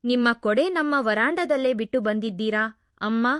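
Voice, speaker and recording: A woman's voice: on the high side, animated, normal speed, no echo, studio quality, close to an everyday voice. A woman voicing a caring young female housemaid who speaks in a soothing, coaxing way. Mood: pleading. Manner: soothing, pleading.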